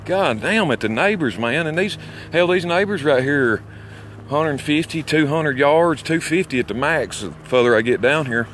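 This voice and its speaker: A bit bright and on the high side, his male voice has lively intonation at normal speed. An amateur vlogger from Alabama with that state's Southern accent, he rambles boastfully, folksily and crudely while walking small-town streets. Traffic sounds and passing vehicles clutter the outdoor audio.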